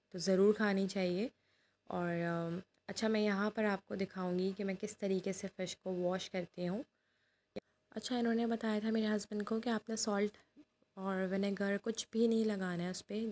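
A woman's voice: medium pitch, a little mellow. A middle-aged woman from Pakistan, narrating her vlog in a chatty, instructive way. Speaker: vlogger. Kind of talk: voice-over narration.

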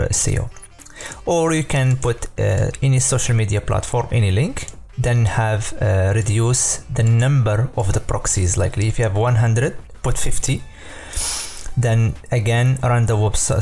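A mellow, gravelly man with a lowish voice walks through some software in a casual screen-recorded tutorial. His talk is loose and informal, packed with fillers and self-corrections.

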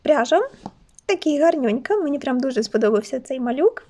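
A woman's voice: high voice, expressive, brisk, warm tone. A cheerful, chatty woman from Ukraine showing her crocheted toys in a casual vlog. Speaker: crochet toy maker vlogger. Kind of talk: casual show-and-tell chat.

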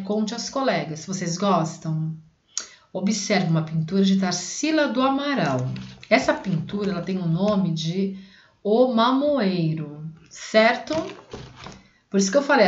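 A woman teaching a reading lesson to young children, patient, repeating words slowly and breaking them into syllables. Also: medium pitch. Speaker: primary school teacher. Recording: echoey room, dull lo-fi sound.

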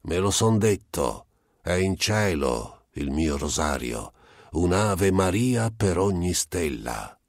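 A man voicing a pious wandering vagabond who speaks slowly and solemnly and sometimes erupts in fury, in a storybook reading. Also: low voice, sing-song, no room sound, clean studio sound, heavily acted. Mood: earnest calm. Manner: slow and solemn, bursting into fury.

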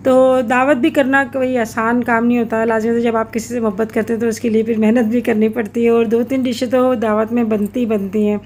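A middle-aged cooking vlogger narrates her home vlog in an earnest, reflective way, often pausing to gather her words. Her voice is a touch high and darkish, with little pitch movement, and a faint noise runs beneath this casual voice-over.

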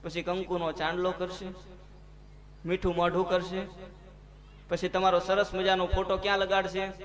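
A man's voice: high-pitched, completely flat delivery. A man, giving a devotional sermon and telling a story, acting out its dialogue in a folksy, emphatic way. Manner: folksy, narrates with quoted dialogue, slow emphatic lines. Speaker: katha storyteller. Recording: live gathering with audience audible behind.

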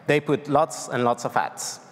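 Giving a tech talk at a conference, this Spanish-accented Argentine man in his thirties uses a mid-range voice at a measured pace. His delivery is loose and halting, with many fillers and restarts. The sound, recorded on stage in a large, dark hall, has a long reverb.

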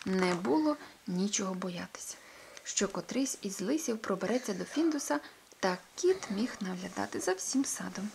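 A woman narrating a children's audiobook, with a hushed, breathy delivery. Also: medium pitch, expressive, moderate pace, a little hiss or hum. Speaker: storyteller.

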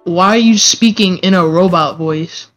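A man's voice: high-pitched, unhurried, fairly bright tone, soft background music, low-quality recording. A young man teasing and boasting in casual gaming chat over voice chat. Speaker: gaming friend.

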